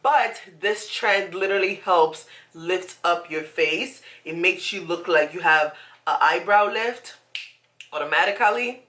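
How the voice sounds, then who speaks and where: A woman's voice: fairly low pitch, measured pace, fairly bright tone. A young woman giving a casual, chatty beauty tutorial to camera, emphatic and fond of repeating words. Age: young adult. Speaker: beauty vlogger. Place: small indoor room at home.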